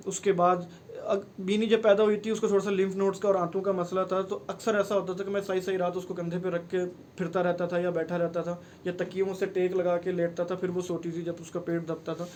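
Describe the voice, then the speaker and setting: Earnest high-voiced man. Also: darkish tone, a little hiss or hum. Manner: earnest and pleading, mixing in English phrases. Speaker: vlogger. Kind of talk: personal advice talk to camera.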